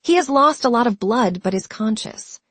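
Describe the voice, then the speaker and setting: A woman's voice: a little high, expressive, normal speed, no echo. Brief: woman narrator doing a tired, wounded young soldier, wry and weary, dry close read.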